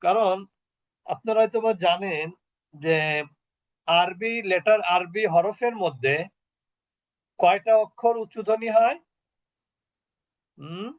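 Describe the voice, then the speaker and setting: A man's voice: high voice, takes it slowly, long pauses, highs cut off. A man teaching a Quran recitation class over a video call, explaining patiently and asking the class questions.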